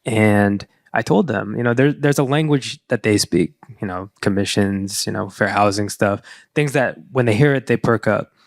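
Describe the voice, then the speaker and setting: A man's voice: on the low side, moderate pace, vocal fry, no echo, clean studio sound. A man moderating a panel discussion, giving earnest closing remarks that rally the room, with many fillers.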